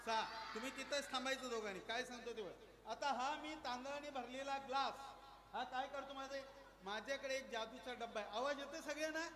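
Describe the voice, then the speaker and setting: Brief: male children's magician, high bright voice, playful audience patter. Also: fairly quick. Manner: playful, coaxing, asks the crowd questions. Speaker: stage magician performing for children. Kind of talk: lively stage patter with audience.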